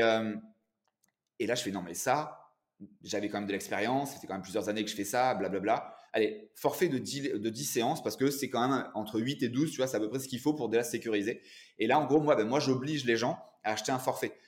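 Guest, male, 40s, animated storyteller, casual interview tone. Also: mid-range voice. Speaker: guest entrepreneur and coach.

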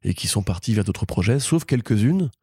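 A man co-hosting a casual pop-culture podcast, talking rapidly and joking while he runs through series news. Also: fairly low pitch, lively intonation, mellow, breathy edge, dry recording, clean studio sound. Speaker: podcast co-host.

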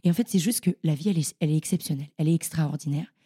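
A young woman, a podcast guest, telling her stories in a casual, animated and slangy way. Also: low-pitched, rapid-fire, breathy edge. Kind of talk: casual storytelling interview.

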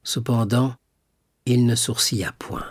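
A man narrating a classic novel as an audiobook, measured and expressive. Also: medium pitch, slightly rough, no echo, clean studio sound.

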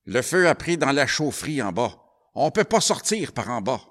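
A man's voice: medium pitch, sing-song, normal speed, a bit bright, pitched above the performer's own voice. A man voicing a stern religious brother in a storybook recording, commanding and insistent.

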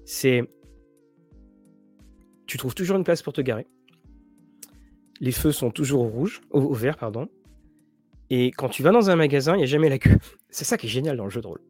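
A man's voice: medium pitch, expressive, brisk, long pauses, darkish tone, no room sound, soft background music. A man hosting a casual show about role-playing games and series, rambling with many restarts and fillers. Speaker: tabletop RPG and series show host. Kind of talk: casual chat to viewers.

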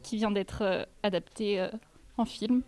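A woman bookseller recommending a children's book slowly and hesitantly. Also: medium pitch, fairly even intonation, a little mellow.

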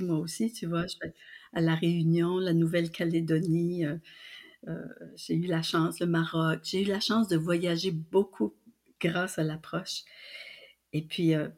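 A husky, darkish voice on the low side belongs to an older woman, a publisher and translator from New Brunswick with a Canadian French accent. She's a guest in a casual interview, telling her story with many fillers and restarts.

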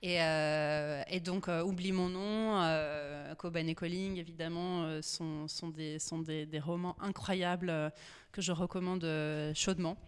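A woman guest on a podcast, an editor who talks about comics with a lot of pauses, fillers and restarts. Her voice is smooth and clear, sitting a little low in pitch. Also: fairly even intonation. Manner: hesitant, many fillers and restarts. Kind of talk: podcast interview.

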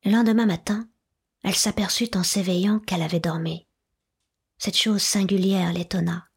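Breathy woman narrating a classic novel. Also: medium pitch, steady tone. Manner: soft, measured, often slipping into a whisper. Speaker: audiobook narrator. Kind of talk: literary audiobook narration.

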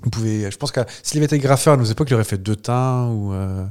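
A man's voice: medium pitch, fast, darkish tone, clear, resonant tone. A man co-hosting a podcast in casual, playful chat, often laughing at his own jokes. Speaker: podcast co-host.

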